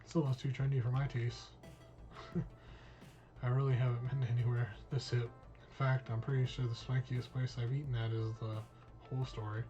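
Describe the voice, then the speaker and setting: A streamer reading a visual novel aloud, voicing all parts in a casual, cursing manner. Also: male voice, medium pitch, level tone, moderate pace, dull audio, over music. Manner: casual, reads all parts, drops in swear words.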